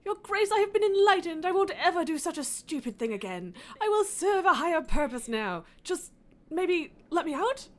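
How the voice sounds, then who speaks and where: A woman's voice: very high-pitched, sing-song, moderate pace, voice pushed up. A woman voicing a desperate, over-earnest prisoner in a game, pleading dramatically for release. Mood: sheepish pleading.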